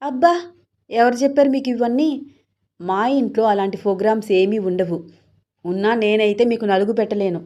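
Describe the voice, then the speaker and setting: A bold, jealous young wife, voiced by a woman narrator in a spoken storybook. She is quick-tongued and teasing, and just as quick to scold. Her voice sits higher and louder than the narration, with a soft, mellow color underneath. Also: lightly acted. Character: fiery young wife, playful then fiercely jealous.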